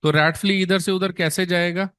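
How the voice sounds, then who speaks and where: A man with an Indian accent gives an exam-prep lecture, switching between Hindi and English and firing rhetorical questions at his students. His voice sits a little high for a man, and he stretches key terms out slowly to stress them. The sound is dry and close, with no room around it. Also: steady tone, a bit bright, smooth, dry recording. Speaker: nursing exam teacher.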